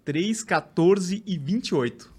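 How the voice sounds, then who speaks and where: A man with a Brazilian Portuguese accent, hosting a casual interview and asking relaxed, thoughtful questions. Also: high voice, slow pace, breathy edge. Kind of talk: casual conversation.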